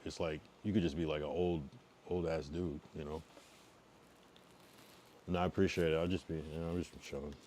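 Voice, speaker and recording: Speaking low with a slight hiss or hum in the audio, a man in his thirties chats laid-back with his livestream audience. He's an East Coast American from Massachusetts and Connecticut, and his words swing from loud to mumbly.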